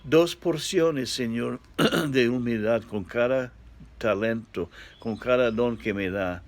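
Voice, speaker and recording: A man preaching a devotional sermon as a pastor, speaking haltingly and sometimes searching for words. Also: medium pitch, steady tone.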